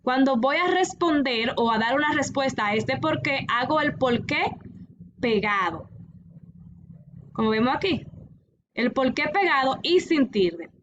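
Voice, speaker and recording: A woman teacher explaining a lesson to children in a recorded class, patient and repeating each instruction clearly. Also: high-pitched, lively intonation, unhurried, pauses often, a bit bright, highs cut off. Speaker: primary school teacher.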